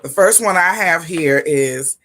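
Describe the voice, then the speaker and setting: A woman hosts a live interview in a bright, forceful voice that carries. She talks with emphasis and a lively push, dropping churchy phrases into casual chat. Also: fairly low pitch, unhurried, slight background noise. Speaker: host.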